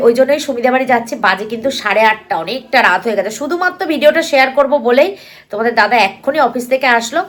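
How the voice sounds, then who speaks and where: A young woman, vlogging to her viewers in a casual, talkative way, with plenty of fillers. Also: on the high side. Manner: talkative, addresses viewers directly, many fillers. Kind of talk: casual chatty vlog to viewers.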